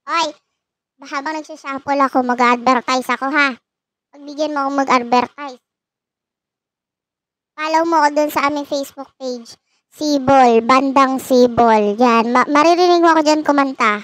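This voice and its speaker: A woman's voice: high-pitched, a bit bright, no echo. A woman hosting a casual tarot reading, playful and teasing, laughing often at her own jokes. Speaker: tarot reader and channel host.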